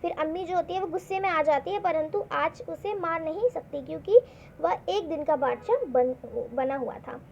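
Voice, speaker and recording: A woman's voice: extremely high pitch, normal speed, gravelly, darkish tone. A woman teaching a worksheet lesson to children, explaining step by step, repeating words and asking the class questions. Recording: dull lo-fi recording with faint noise.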